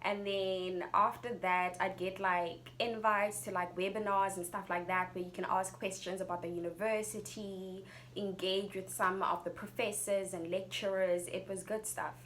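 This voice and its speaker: A young adult woman with a South African accent tells a personal story in a casual, chatty, expressive vlog style. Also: medium pitch, moderate pace, slight background noise, poor audio. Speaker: YouTuber telling a personal story.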